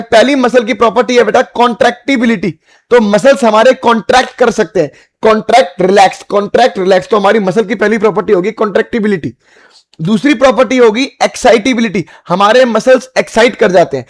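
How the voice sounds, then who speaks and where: A man with an Indian accent teaching biology as an exam-prep lecture, repeating points and checking often whether students understood. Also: high voice. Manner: repetitive, asks students if they understood; calls students "beta" and "bhai".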